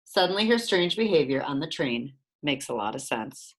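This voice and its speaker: A woman narrating a children's storybook in an expressive, lively reading voice. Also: low voice, normal speed, a little hiss or hum.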